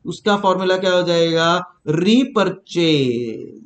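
Playful high-voiced teacher. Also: male voice, expressive, slow pace. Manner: teasing and repetitive, mixing Hindi and English. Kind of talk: playful classroom lecture.

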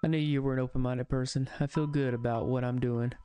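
A man voicing a gentle older man who lives rough, in a put-on country accent, over game music. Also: medium pitch, steady tone, quick pace, close to an everyday voice. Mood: earnest.

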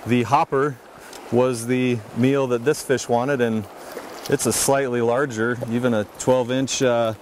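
A man narrating a fly fishing lesson in a calm, explanatory manner. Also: medium pitch, a little slow, a little hiss or hum. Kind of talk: instructional voice-over narration.

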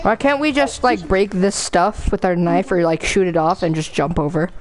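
A woman's voice: fairly low pitch, moderate pace, a little mellow. Hyped, slangy woman gamer. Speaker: gamer playing co-op. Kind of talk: casual gaming chat.

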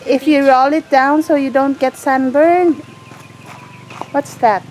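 A woman's voice: high voice, steady tone, slow pace, a little mellow, slight background noise, rough recording. A middle-aged woman, the vlogger's mother, chatting casually outdoors and talking to viewers directly. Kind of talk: casual family chat. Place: outdoors at a house with animals.

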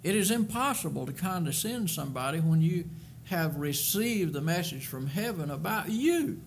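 This older man, a preacher, has a fairly high voice with lively intonation and a moderate pace. He delivers an earnest, emphatic sermon through a pulpit microphone in a church sanctuary, doubling back on words as he goes, with a faint hum of room ambience underneath.

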